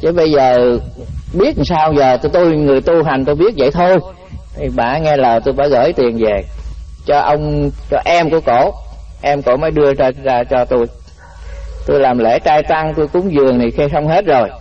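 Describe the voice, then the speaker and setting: A Buddhist monk giving a dharma talk, telling folksy stories and often repeating words. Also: male voice, on the high side, fairly quick. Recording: muffled lo-fi radio-like recording.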